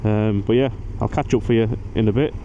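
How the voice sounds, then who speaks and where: A man's voice: lowish voice, steady tone, a little fast. A man with a British accent giving a casual, informal motorbike review, speaking from inside his helmet while riding. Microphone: microphone inside a motorbike helmet. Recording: muffled helmet audio, loud wind noise. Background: wind and vehicle noise.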